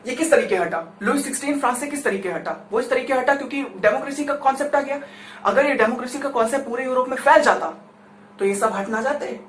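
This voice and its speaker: An Indian teacher with a high-pitched, slightly bright voice gives a chatty classroom lecture, constantly checking that his listeners are following. The mic sits far away, leaving a roomy echo and a faint hiss.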